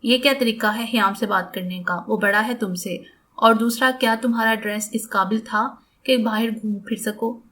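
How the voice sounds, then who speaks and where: A woman's voice: a little high, steady tone, fairly bright tone, close to an everyday voice. A woman voicing a stern, irritable man in his late thirties in an audiobook, curt and scornful. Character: stern, irritable 37-year-old husband.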